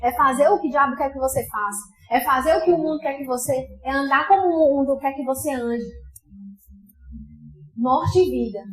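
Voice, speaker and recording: A woman pastor with a Brazilian accent preaching a sermon, shifting between loud outbursts and soft asides. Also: high voice, moderate pace. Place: church sanctuary. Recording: echoey church hall with faint music.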